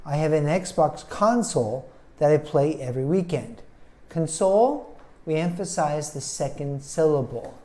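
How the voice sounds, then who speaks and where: A man teaching English pronunciation, speaking slowly and deliberately and sounding words out syllable by syllable. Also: a little high, mellow.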